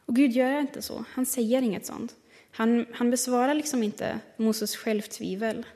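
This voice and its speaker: A woman preaching a sermon and reading scripture, reflective, slowing down to stress key words. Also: fairly high pitch, steady tone, warm tone. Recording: long reverb of a large hall.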